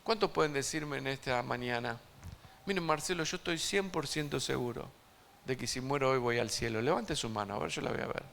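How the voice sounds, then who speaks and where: A man preaching an evangelistic sermon to a congregation, emphatic and swinging between loud and hushed, asking his listeners direct questions. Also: medium pitch, a little fast, vocal fry, a little hiss or hum. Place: church service before a congregation.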